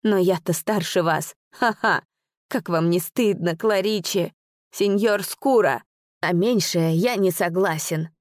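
A woman's voice: fairly low pitch, takes it slowly, dry recording, studio quality. A woman voicing a tall, ageless shadow man who mumbles shyly and then laughs shamelessly, in a storybook reading. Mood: bashful mocking. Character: shy tall ageless male shadow, giggling.

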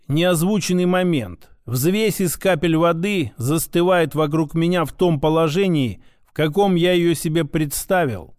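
A male audiobook narrator reads in the first person with a steady storytelling delivery. His voice is noticeably high for a man and recorded dry and close, with no room sound. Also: dry recording.

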